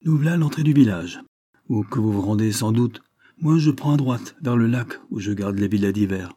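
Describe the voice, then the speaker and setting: A man voicing a gruff, suspicious male country peasant who talks in rough rustic speech. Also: fairly low pitch, expressive, normal speed, warm tone, no echo. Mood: curt.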